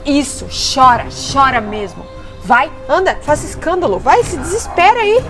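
A woman's voice: high voice, very animated, moderate pace, over music. An actress playing a scheming mother who taunts her daughter and fakes panic to her ex. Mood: taunting. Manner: mocking, then fakes panic on the phone. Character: manipulative mother, adult woman, scheming. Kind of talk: melodramatic short-drama acting.

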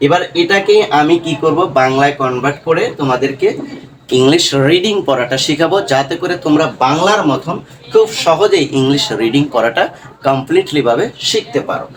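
A man's voice: fairly high pitch, expressive, fairly quick, recorded from a distance, slight background noise, poor audio. A man teaching a classroom lesson on English reading, asking questions and then answering them, often adding "right?". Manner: addresses viewers as students.

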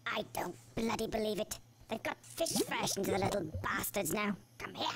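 A man's voice: high voice, steady tone, moderate pace. An actor voicing a grumpy, foul-mouthed male game character who grumbles and swears, heard through game audio with noise. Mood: irritated.

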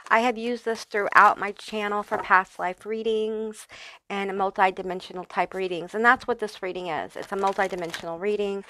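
A woman's voice: mid-range voice, bright, forceful tone, poor audio. A woman with a slushy lisp on her s sounds gives a tarot reading straight to her viewers, earnest and affirming, repeating phrases for emphasis. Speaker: tarot reader, channel host. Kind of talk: pick-a-card tarot reading, addressing viewers directly.

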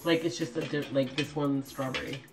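A woman's voice: very deep voice, steady tone, normal speed, music in the background, low-quality recording. A young woman chatting casually on a livestream from her kitchen into a phone, rambling with constant "like" fillers and blunt swearing.

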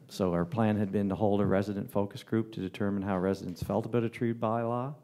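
Male councillor, dark, mellow timbre, halting report full of fillers. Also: lowish voice, fairly even intonation. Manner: halting, with many fillers and restarts. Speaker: town councillor giving a report. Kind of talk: formal council report with ad-libbed remarks. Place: council chamber.

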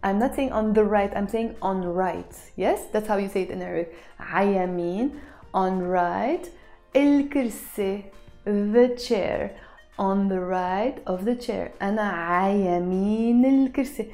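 A woman teaching a language lesson, saying each phrase carefully and then repeating it faster. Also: mid-range voice, dark tone, soft background music.

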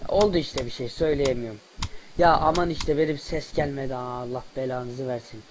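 A young man giving casual, loud, cursing commentary as he plays a shooter game, shouting at enemies. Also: medium pitch, steady tone, a little fast, background noise. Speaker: gaming video creator. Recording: loud game gunfire behind the voice.

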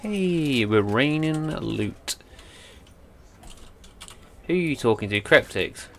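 A man's voice: medium pitch, takes it slowly, a little hiss or hum. A man streaming a game live, chatting casually and calling people mate and bro. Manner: relaxed, chummy, calls people mate and bro. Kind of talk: casual gaming chat.

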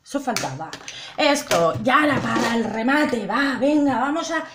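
Chatty high-voiced woman vlogger. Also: expressive, unhurried, background noise. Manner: chatty, addresses viewers directly, repeats herself. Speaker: beauty vlogger. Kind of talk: casual makeup tutorial.

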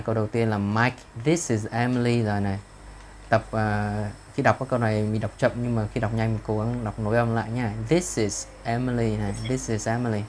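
A man teaching English over a video call with a Vietnamese accent, explaining in Vietnamese and slowly modelling English phrases. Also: lowish voice, darkish tone, slight background noise. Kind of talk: one-to-one online lesson, explaining in Vietnamese.

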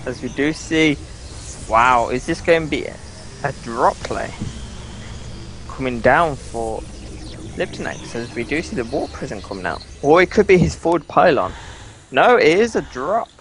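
A man's voice: medium pitch, sing-song, measured pace, long pauses, a bit bright, slight background noise. A man casting a live video game match as play-by-play commentator, narrating each move. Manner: play-by-play, repeats "as we do see". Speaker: esports caster.

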